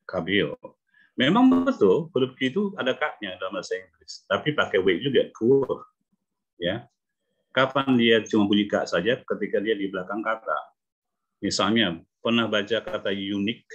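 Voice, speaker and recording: A man from Indonesia teaching English phonics in an online class, repeating example words and confirming each point with a quick "ya". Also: lowish voice, lively intonation, husky, lo-fi sound. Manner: repetitive, affirming with "ya", demonstrates sounds. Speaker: English coach. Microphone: video call.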